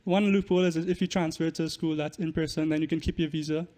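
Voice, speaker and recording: A young Trinidadian man, a student and musician, speaks as a podcast guest, explaining things in informal interview talk. His voice is fairly high yet dark in tone, level, and quick.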